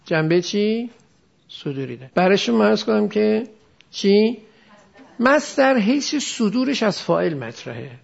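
Gravelly high-voiced man teaching a class. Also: big pitch swings, muffled recording. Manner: explains step by step, asks students questions. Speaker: religious studies teacher. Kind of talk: classroom lecture on Quranic Arabic grammar.

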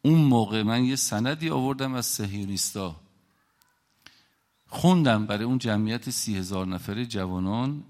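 A middle-aged man from Iran preaches in an impassioned lecture style. He tells stories with drama, pressing hard on key words and then dropping low. His pitch sits in the ordinary middle for a man. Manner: emphatic, dramatic storytelling with swings in loudness. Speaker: religious speaker.

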